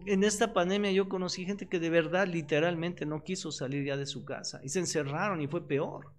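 A man's voice: fairly high pitch, brisk. A man preaching on the radio with a Mexican Spanish accent, telling stories and acting out the voices of the people in them. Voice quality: animated storyteller who acts out quoted voices. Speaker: pastor and radio host. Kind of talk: radio sermon. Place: radio studio.

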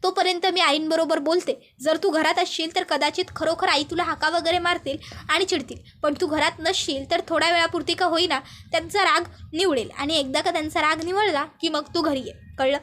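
A woman voicing a young sister-in-law who scolds and reassures firmly, in a very high voice. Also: steady tone, brisk, fairly bright tone.

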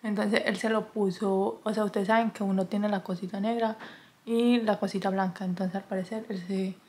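A woman's voice: steady tone, moderate pace, darkish tone. A woman vlogger casually telling a story to her camera indoors, chatty and full of fillers. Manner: chatty, full of fillers, exclaims in high yelps. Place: indoors, wrapped in a blanket in a cold room.

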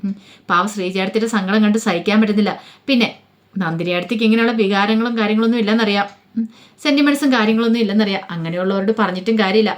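A woman voicing a sharp-tongued young female lawyer who speaks in cutting, sarcastic retorts, in a spoken story retelling. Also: mid-range voice, fairly even intonation, very fast, close to an everyday voice.

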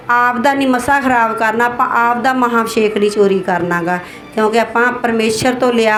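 A woman's voice: a little high, reverberant. A woman pastor preaching a sermon, exhorting her congregation and repeating hallelujah between phrases.

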